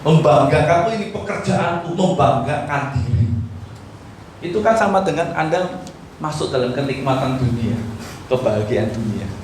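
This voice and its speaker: A man preaching a sermon as pastor, exhorting and acting out prayers, his voice swinging from loud to hushed. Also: medium pitch, expressive, normal speed, a little hiss or hum. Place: church hall. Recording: echoey hall, voice from far off.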